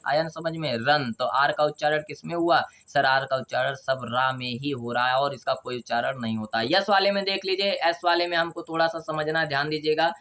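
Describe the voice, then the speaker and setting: A man's voice: on the high side, fairly even intonation, sharp tone. Man quizzing and answering himself. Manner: drills by asking questions and answering them himself; spells out letters slowly, then says the word. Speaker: English teacher. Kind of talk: video lesson on English pronunciation.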